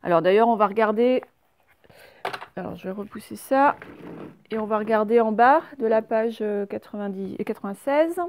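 A middle-aged woman, a primary school teacher giving a slow, patient spelling lesson with many fillers. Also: medium pitch. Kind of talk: recorded spelling lesson for young pupils.

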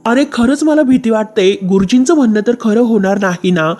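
A worried mother who will not leave until she sees her son, put on by a woman narrator. She sounds anxious and insistent, in a mellow, darker voice. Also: fairly high pitch, animated, a little fast, soft background music, natural voice.

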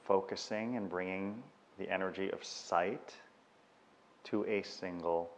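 Speaking very slowly in a very low, steady voice, a man leads a guided meditation, leaving long pauses between carefully measured instructions. The recording has a long, lingering reverb and a little hiss or hum.

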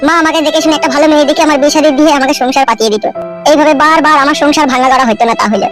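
Woman voicing a whiny young guy in a cartoon, high and pleading, fast talker. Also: steady tone, over music, lightly acted. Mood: whining. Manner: pleading, whining. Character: whiny disgraced young man, pleading son. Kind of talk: cartoon comedy voice acting.

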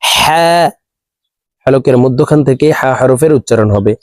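A man teaching a recorded lesson on letter pronunciation. He repeats each letter slowly so listeners can copy him. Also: mid-range voice, warm tone, no room sound. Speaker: Quran teacher.

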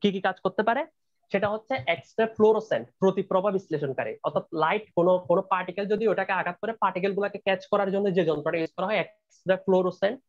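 A man's voice: sits high, rapid-fire, lo-fi sound. A young man teaching a chemistry class online, repeating key points and often checking that his students are keeping up.

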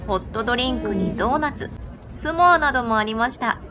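A woman's voice: a little high, expressive, fairly quick. A young adult woman, an idol vlog host, narrating her outing over music.

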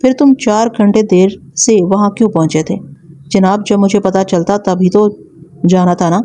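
A hard-nosed male inspector grills a suspect with sarcasm and veiled threats, voiced by a woman reader. The tone is mellow rather than bright, in a plain storybook reading. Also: medium pitch, natural voice. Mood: stern.

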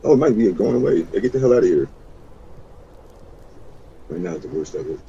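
A man's voice: on the low side, expressive, brisk, creaky, warm tone, muffled recording, a little hiss or hum. A man live-streaming in casual talk, muttering and cursing with irritation.

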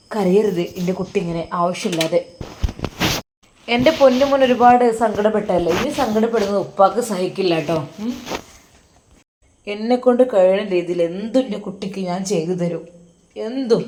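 Woman doing a soft coaxing old dad, malabar accent, middle pitch, pleading gently. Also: normal speed, long pauses, slight background noise, close to an everyday voice. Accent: Malabar Malayalam. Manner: tender, coaxing, fatherly pleading.

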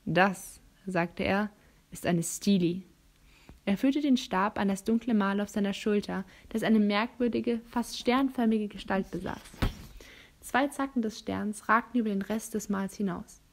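A woman narrating an audiobook in a steady, measured reading voice. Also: medium pitch. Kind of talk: reading a novel aloud.

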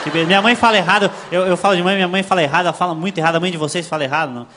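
Fast, high-voiced Brazilian comedian. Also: male voice. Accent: Brazilian Portuguese. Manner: animated storytelling, frequent voice imitations. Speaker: stand-up comedian. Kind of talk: stand-up routine. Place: comedy stage before a live audience. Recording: live show, crowd laughter and noise.

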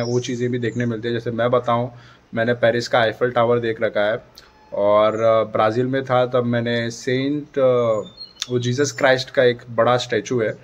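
A vlogger in his thirties speaks casually into a phone camera held at arm's length, gesturing a lot as he gives his viewers advice. He's in a dim indoor room beside a dark door. His voice sits in the mid-range and the audio sounds dull.

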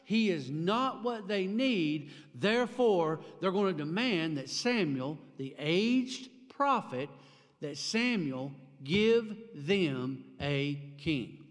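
A man, preaching a sermon from a pulpit mic in a church, emphatic and animated. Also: high-pitched, takes it slowly. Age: 40s. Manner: emphatic, gesturing widely, rising for emphasis. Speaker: pastor. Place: church sanctuary with chairs behind. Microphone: stand mic at a pulpit. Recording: long church-hall reverb.

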